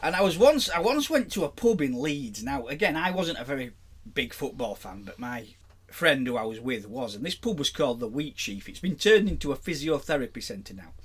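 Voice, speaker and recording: Lively-voiced Yorkshire man telling stories. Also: mid-range voice, brisk, breathy edge. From England. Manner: chatty anecdotal storyteller, laughs often. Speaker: podcast co-host. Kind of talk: casual chat.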